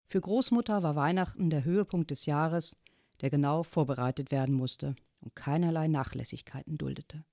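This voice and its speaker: A woman reading a children's chapter book aloud in a calm storytelling manner. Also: low voice, normal speed, no echo, studio quality. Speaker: audiobook reader. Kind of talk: scripted story narration.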